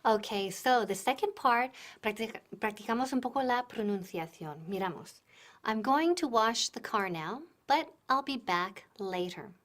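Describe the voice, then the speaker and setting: A woman teaches English to Spanish speakers at an unhurried pace, switching between English examples and Spanish explanations. She breaks each point down step by step and models sounds for the listener to repeat. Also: a little high, expressive, fairly bright tone. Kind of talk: bilingual classroom-style lesson.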